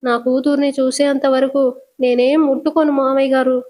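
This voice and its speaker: A woman's voice: high voice, level tone, moderate pace, mellow, natural voice. A woman voicing a grieving mother who curtly pushes away a carer. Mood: bitter. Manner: cold, curt. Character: grieving mother, bitter and tearful.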